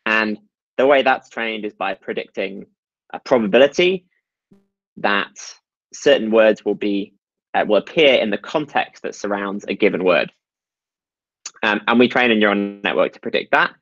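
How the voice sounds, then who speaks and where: Guy with a lowish voice walking through slides online, dry muffled call audio, lots of ums. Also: normal speed, long pauses, fairly bright tone, dry recording. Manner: explanatory, frequent ums and uhs. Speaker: meetup presenter. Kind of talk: technical talk over slides.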